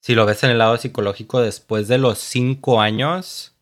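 A man's voice: medium pitch, steady tone, moderate pace. A young man with a Mexican accent, chatting casually and informally as a podcast co-host. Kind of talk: casual chat.

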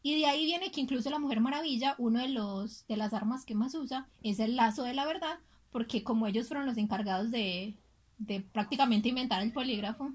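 A woman with a high voice leads a casual podcast chat. She tells her story in a chatty, gossipy way. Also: a little fast, slight background noise. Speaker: podcast co-host.

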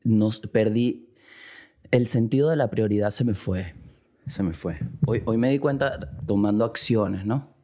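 A man with a Venezuelan accent hosting a casual comic monologue, animated and acting out little quoted exchanges, now and then breaking into loud outbursts. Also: on the low side. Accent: Venezuelan Spanish. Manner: acts out dialogue in quick quotes. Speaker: podcast host.

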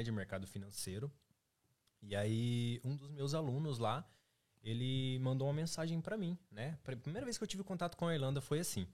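A man in his twenties speaks with an accent from inland São Paulo, Brazil, at a medium pitch. He chats casually as a podcast guest, telling his own stories in an informal way. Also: darkish tone. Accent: Brazilian, interior São Paulo state. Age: 20s. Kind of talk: casual chat and personal storytelling.

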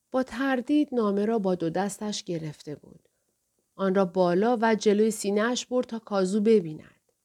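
A woman narrating a novel as an audiobook in a measured, even storytelling manner. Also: medium pitch.

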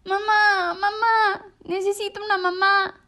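A woman's voice: very high voice, sing-song, moderate pace, a little mellow, pitched above the performer's own voice. A woman voicing a tiny, lonely young male bird who eagerly pleads to find his mother, in a storybook reading. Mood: tearful hopeful.

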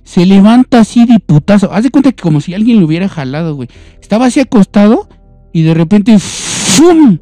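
Animated young Mexican man telling a ghost story. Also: sits high, quick pace, soft background music. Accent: Mexican Spanish. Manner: animated, acts out voices and screams, heavy slang. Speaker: storyteller guest.

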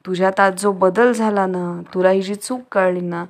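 A woman voicing a kind, sensible little girl, pitched high and speaking earnestly. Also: steady tone, moderate pace, natural voice.

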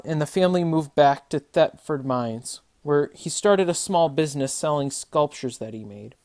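A true crime narrator hosting a podcast, reading a scripted story in a measured way. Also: mid-range voice.

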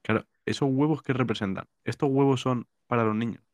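A man's voice: medium pitch, fairly quick, background noise. A man from co-hosting a casual comedic podcast, making wry, ironic asides. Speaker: podcast co-host.

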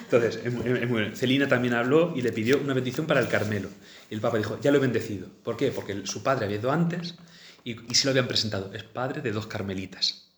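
A man's voice: medium pitch, fast talker, fairly bright tone, a little hiss or hum. A man telling a saint's life, reading passages and chatting about them with many fillers and restarts. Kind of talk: storytelling talk mixing reading and comment. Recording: roomy echo.

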